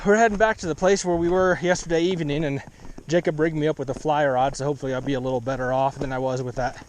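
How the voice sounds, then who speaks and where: A man's voice: a little high, steady tone, quick pace, rough recording. Chatty young man vlogging outdoors in wind. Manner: self-deprecating, chatty. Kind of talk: casual outdoor vlog narration. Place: outdoors by a stream in snowy, windy weather. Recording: wind and outdoor noise behind.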